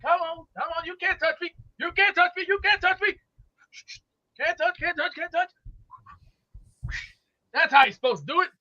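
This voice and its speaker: High bright man on a dull line. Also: normal speed, pauses often. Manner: chanting, taunting. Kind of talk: playful boasting chat.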